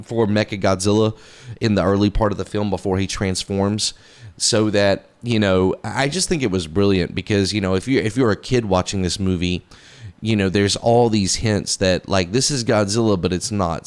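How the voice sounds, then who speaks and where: A man's voice: low voice, clear, resonant tone. A man giving a casual, rambling movie review, full of fillers and restarts, enthusiastic and a little profane.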